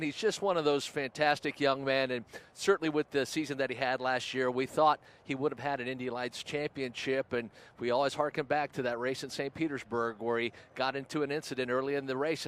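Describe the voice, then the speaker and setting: A man's voice: mid-range voice, fairly bright tone, clear, resonant tone. Enthusiastic male race commentator. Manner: enthusiastic, rambling.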